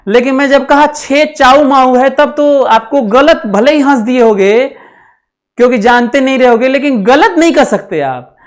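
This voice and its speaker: A man's voice: very high voice, normal speed. A man teaching a physics lecture, repeating phrases, asking the class questions and dictating notes as he mixes English terms into his talk. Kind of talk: classroom lecture for exam students.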